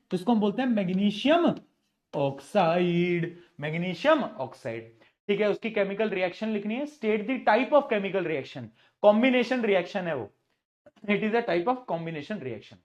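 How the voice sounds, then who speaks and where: A man, teaching an online class in a chatty, teasing way and reading questions out slowly. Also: high-pitched. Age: 20s. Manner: chatty, teasing, jokes with students.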